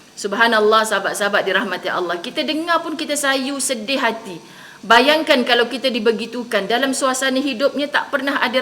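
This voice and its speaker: A middle-aged woman with a Malaysian accent, preaching a sermon to women and acting out the people in her stories. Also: fairly high pitch. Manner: animated storytelling, acts out quoted people. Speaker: religious teacher.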